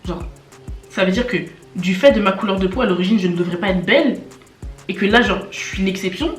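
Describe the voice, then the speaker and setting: A woman's voice: medium pitch, a little fast. A young woman speaks straight to her viewers in a casual vlog, indignant and emphatic, with a string of rhetorical questions and loose slang. Her mid-range voice rings in a roomy echo. Faint music plays underneath. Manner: slangy, filler-heavy talk. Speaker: vlogger. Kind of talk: casual commentary to camera.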